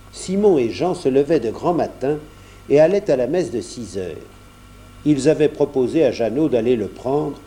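A man reading a novel aloud as narrator, in a measured storytelling manner. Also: medium pitch, warm tone. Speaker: audiobook narrator. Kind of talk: scripted narration.

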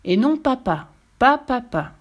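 A woman's voice: a little high, sing-song, unhurried, pitched above the performer's own voice. A woman voicing an anxious young duke and father who laments dramatically over his son. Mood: stern.

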